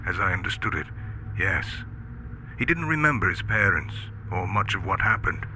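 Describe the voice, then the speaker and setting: A man playing a kindly, hopeful rocket captain in a retro radio space adventure, gently commanding and a little wistful. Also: sits low, very animated, normal speed, heavy background noise. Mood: gentle, earnest. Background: music.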